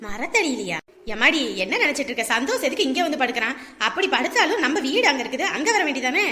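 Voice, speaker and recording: A woman's voice: high-pitched, very animated, fast, sharp tone, reverberant, big-room sound, heavily acted. A woman playing an outspoken elderly village grandmother in a comedy skit, scolding and protective with emphatic calls. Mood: dismissive.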